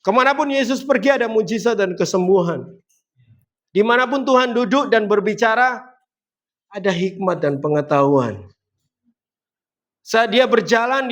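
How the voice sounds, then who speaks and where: A man delivers a sermon in a high voice. He builds emphasis as he goes, lifting his voice on the key points. He turns to the congregation with direct questions as he preaches. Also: animated, moderate pace, long pauses, fairly bright tone.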